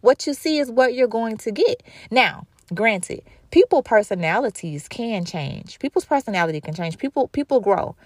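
A woman's voice: on the high side, lively intonation, moderate pace, few pauses, no room sound, clean studio sound. A woman in her thirties hosting her own talk show, speaking candidly and emphatically, often repeating phrases for stress. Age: 30s. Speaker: show host. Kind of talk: casual monologue.

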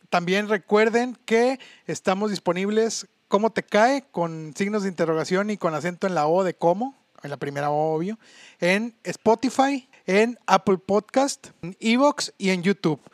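A man's voice: high voice, moderate pace, dry recording. A man with a Mexican accent hosting a podcast over a remote call, laid-back and joking. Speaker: podcast host. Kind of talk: casual chat.

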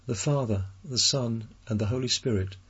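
A man giving a gentle daily gospel reflection, asking his listeners questions as a preacher. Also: mid-range voice, normal speed, breathy edge. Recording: lo-fi recording with faint music.

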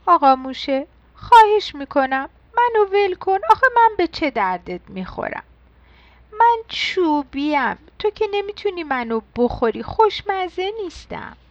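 A woman's voice: high-pitched, big pitch swings, no room sound, dull audio, pitched above the performer's own voice. A woman voicing a small frightened pencil in a children's story, pleading and anxious.

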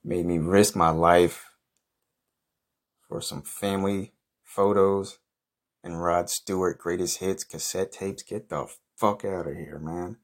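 Low-voiced male comic, improvised monologue, swears constantly and grumbles in exasperation. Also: fairly even intonation, takes it slowly. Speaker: comedy podcast host.

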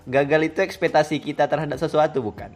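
A man's voice: fairly high pitch, fairly even intonation, quick pace. A man hosting a casual, joking podcast chat, often repeating words for emphasis. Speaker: podcast host. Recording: music behind the voice. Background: background music.

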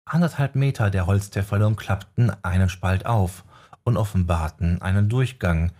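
A man reading a fantasy audiobook in steady scripted narration. His voice is low-pitched with a husky, slightly breathy grain. He tells the story at an even storytelling pace. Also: moderate pace.

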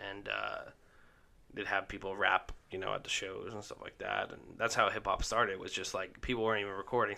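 A man co-hosting a laid-back podcast, talking in a bright, slightly low voice. He rambles and halts, circling back with fillers and restarts as he works through his thoughts. It is an easy, unscripted chat. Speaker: podcast co-host. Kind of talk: casual chat. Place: indoor basement room.

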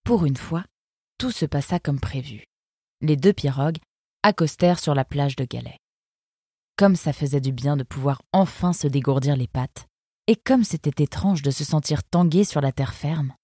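A woman reading a story aloud in a measured, clear storytelling manner. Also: low-pitched, dark tone, dry recording, studio quality. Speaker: audiobook reader. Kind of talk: storybook narration.

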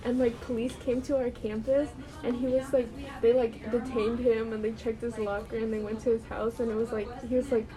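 A teenage girl talks earnestly on a student podcast in a flat, even tone, with a voice a bit high for a girl. Clear chatter from a crowd sits behind her voice. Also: fairly quick, hardly any pauses, poor audio. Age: teens. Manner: earnest, advice-giving, filler-heavy. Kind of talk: casual chat.

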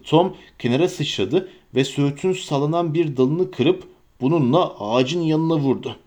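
A man with a somewhat high voice reads a fantasy story aloud. His delivery is steady and even, an audiobook narrator carrying the scene along. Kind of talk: scripted narration.

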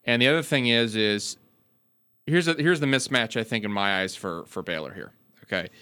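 A man talks sports on a podcast, working through stats out loud and catching his own slips. His voice is bright and sharp, with a smooth, crisp tone that carries well. The talk stays casual and unscripted. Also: lowish voice, moderate pace. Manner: rattles off stats and corrects himself mid-sentence. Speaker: podcast co-host.

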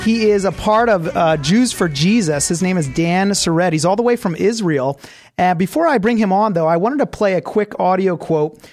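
A man's voice: high voice, expressive, normal speed, a little mellow, soft background music. A man hosting a radio interview, asking friendly, leading questions. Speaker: host.

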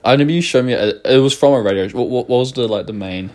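A man's voice: medium pitch, racing, darkish tone. A young man co-hosting a podcast, chatting casually, laughing often, swearing and restarting his sentences. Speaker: podcast co-host. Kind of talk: casual chat.

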